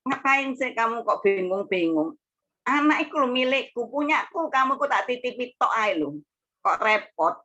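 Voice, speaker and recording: A woman voicing a gently chiding God. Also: a little high, animated, normal speed, pitched above the performer's own voice. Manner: kindly scolding, reassuring. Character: gentle fatherly God, chiding yet reassuring. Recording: dull lo-fi recording.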